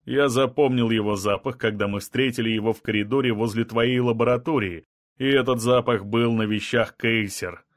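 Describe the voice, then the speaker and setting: Man reading as a calm, blunt outsider man. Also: mid-range voice, moderate pace, no echo, studio quality, natural voice. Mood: matter-of-fact. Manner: level, matter-of-fact, cold resolve. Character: calm, blunt non-native man of another kind.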